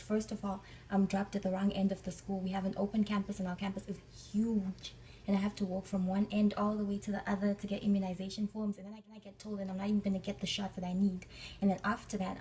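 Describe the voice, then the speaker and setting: A woman's voice: mid-range voice, warm tone, distant mic, slight background noise, low-quality recording. Chatty young woman telling a story. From Africa. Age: young adult. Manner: chatty, acts out the people she quotes. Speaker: vlogger. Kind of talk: storytime vlog.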